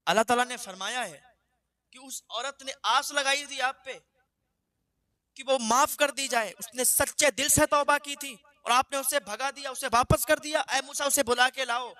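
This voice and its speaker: An archangel delivers a divine message with urgent solemnity, as a male storyteller puts him on. The voice sits very high and sounds bright and tense. The sound is dry and close. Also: no echo.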